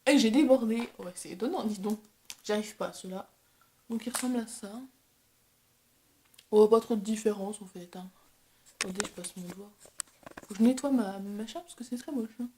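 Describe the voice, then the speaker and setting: A woman's voice: medium pitch, moderate pace, long pauses, warm tone, roomy sound, a little hiss or hum. A young woman vlogger chatting casually and self-deprecatingly while testing makeup. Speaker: beauty vlogger. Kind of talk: casual chat.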